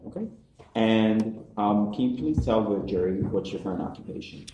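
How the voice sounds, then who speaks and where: A man questioning a witness as prosecutor, asking formal, measured questions with small restarts, heard in a courtroom recording. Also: lowish voice, lively intonation, muffled recording. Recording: courtroom recording, echoey, faint hiss.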